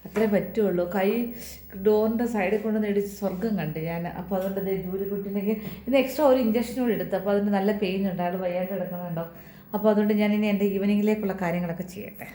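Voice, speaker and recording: A woman's voice: medium pitch, steady tone, racing, mellow, a little hiss or hum. A middle-aged woman, chatting to the camera in a casual home vlog while doing chores with a sore, hurt hand. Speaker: home vlogger.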